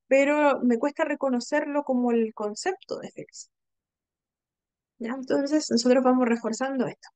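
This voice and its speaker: A woman's voice: on the high side, a little mellow, clean tone, no echo. A young adult woman, teaching a training class and explaining patiently, often checking in with her listeners. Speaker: instructor.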